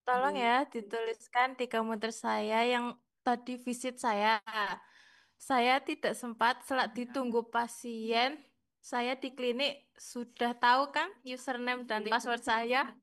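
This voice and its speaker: A young woman student reading aloud as a busy female doctor in a class role-play, in a flat, plain voice. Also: fairly high pitch, takes it slowly. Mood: hurried.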